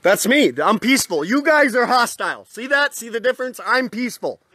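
High bright-voiced guy yelling back at cops, talks over them, dry close phone sound. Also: sing-song, a little fast, slightly rough, dry recording. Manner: defiant, interrupting, repeats himself. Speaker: man in a standoff with police. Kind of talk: heated argument, live-streamed.

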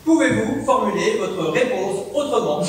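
A man's voice: high-pitched, lively intonation, moderate pace. A man playing a polite male humanoid robot servant on stage, speaking in a formal, literal-minded way. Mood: puzzled. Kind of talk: amateur stage acting. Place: theater stage. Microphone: far room mic. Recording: echoey hall from far off, faint hiss.

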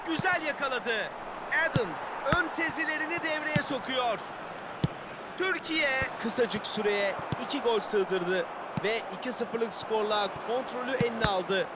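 Excited high-pitched male football commentator, loud noise behind. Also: unhurried. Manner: excited, raised voice, calling out players and goals. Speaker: football match commentator in a video game.

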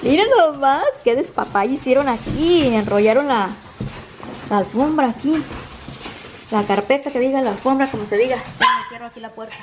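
Mexican woman, casual vlogger voice, a bit high, chatty, coos at her dogs; noisy phone audio outdoors. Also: normal speed. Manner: chatty, talks to her dogs in squealy baby talk. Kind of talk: casual vlog chat. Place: in a car, then outdoors in a sunny yard.

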